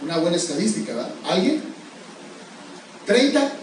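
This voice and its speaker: A man's voice: high-pitched, very animated, moderate pace, a little hiss or hum. Male pastor, sermon, emphatic questions, echoey hall, distant mic. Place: church sanctuary.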